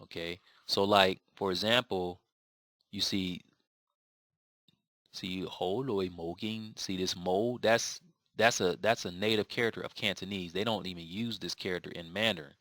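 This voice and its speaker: A language learning vlogger with a very low yet bright, forceful voice gives a casual spoken video answer to a viewer's question, rambling loosely, restarting sentences and leaning on fillers. His tone is steady and his pace moderate. The sound is dry and close, with no room or echo.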